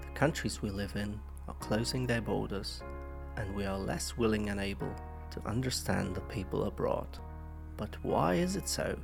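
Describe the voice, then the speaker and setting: A man narrates his podcast from a script in a measured, reflective way. His voice is gravelly and sits a bit low. Clear music runs underneath.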